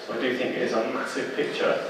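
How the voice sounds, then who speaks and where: A man's voice: mid-range voice, level tone, fast, background noise. A man speaking on a public panel, hesitant, with many fillers and qualifiers. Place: large exhibition hall, indoors. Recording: distant mic in an echoey hall.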